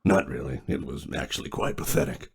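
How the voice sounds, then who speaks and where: A man voicing a haughty, scornful animatronic villain in a video game, deliberate and mocking. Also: very deep voice, creaky. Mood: dry contempt. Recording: loud music behind the voice.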